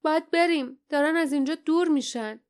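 A woman doing a hoarse, weak young girl. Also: high-pitched, pitched above the performer's own voice, lightly acted. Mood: determined. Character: hurt, determined young girl.

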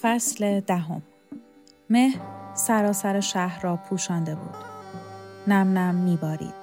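A woman narrating a novel in a measured, even storytelling voice. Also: mid-range voice, over music. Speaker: audiobook reader. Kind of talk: scripted narration.

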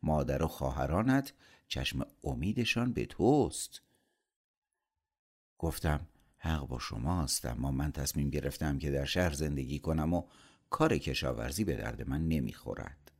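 A man's voice: a bass voice, animated, darkish tone. A man reading a novel aloud as an audiobook narrator, voicing the dialogue in his own voice.

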